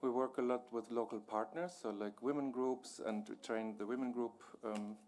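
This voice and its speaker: A man's voice: medium pitch, fairly even intonation, moderate pace, darkish tone, a little hiss or hum. A man answering questions on a panel, explaining at length with many restarts and fillers.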